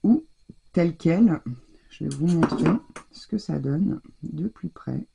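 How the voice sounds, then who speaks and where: Her voice sits low and warm with vocal fry as she talks unhurriedly to viewers during a craft demonstration. This tutorial host works while speaking, often restarting sentences and letting them trail away, and there's slight background noise.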